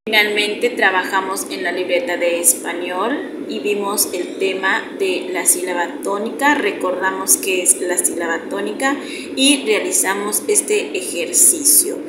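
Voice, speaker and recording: A woman with a Mexican Spanish accent, a primary school teacher, summarizing the day's class slowly and directly for her pupils. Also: medium pitch. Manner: slow, explanatory, addresses pupils directly. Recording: roomy echo with clear background noise.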